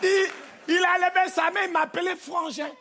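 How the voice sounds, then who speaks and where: A man with a Cameroonian French accent performing stand-up comedy on a theatre stage, animated and punchy, mimicking voices. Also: very high voice, normal speed. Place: theatre stage with live audience. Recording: live show with faint crowd and noise. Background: audience laughter.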